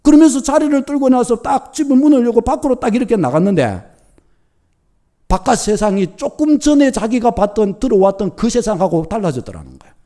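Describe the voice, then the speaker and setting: A middle-aged male pastor delivers a sermon in the manner of a storyteller, acting out the thoughts of the people in his story. His voice sits high and swings widely in pitch, yet its tone stays dark and mellow.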